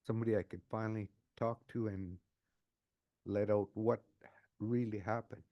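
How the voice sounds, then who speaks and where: A man in his sixties telling his own life story, unscripted and emotional, often halting and repeating words as he restarts a phrase. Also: on the low side, steady tone, no echo, dull audio. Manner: emotional, earnest. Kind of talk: personal testimony, unscripted.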